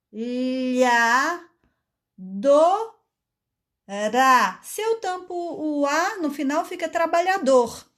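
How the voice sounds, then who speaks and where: A woman leads a phonics lesson for adult learners, sounding out syllables slowly and patiently. Her voice sits high. She takes her time over each word. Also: fairly bright tone. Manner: patient, drawing out syllables one by one. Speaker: adult literacy teacher.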